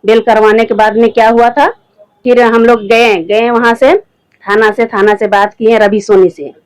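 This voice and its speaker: A middle-aged woman with a rural Jharkhand accent and a somewhat high voice speaks in plain, repetitive village speech. She recounts events to a reporter and often slips into quoting what others said. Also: flat delivery, normal speed, clear, resonant tone, low-quality recording. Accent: Jharkhand rural Hindi. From Jharkhand, India. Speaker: interviewee, mother, former village head. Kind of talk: spoken account to a reporter.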